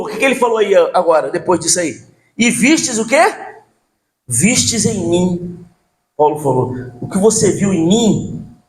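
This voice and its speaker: Gravelly older male pastor preaching. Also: high voice. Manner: rhetorical questions to the congregation, animated storytelling. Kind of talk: sermon.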